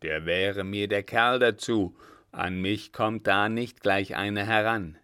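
A man voicing a naive, proud male coachman who answers loudly and earnestly with slow emphasis. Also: lowish voice, fairly even intonation, clean tone.

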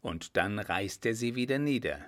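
A man's voice: on the low side, animated, normal speed, a bit bright. Man doing a sly, cheeky coachman. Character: sly, cheeky coachman who mocks his captain.

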